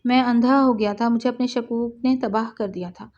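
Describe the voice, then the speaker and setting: A woman's voice: fairly high pitch, fairly even intonation, darkish tone, muffled recording, close to an everyday voice. A woman reading the lines of a remorseful young husband who pleads and apologizes in a storybook reading. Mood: pleading.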